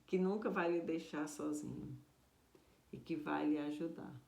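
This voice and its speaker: A woman voicing a man who is a calm, kindly missionary, speaking gently and reassuringly in a roomy space. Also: fairly high pitch, a little slow, vocal fry. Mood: gentle. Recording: roomy echo.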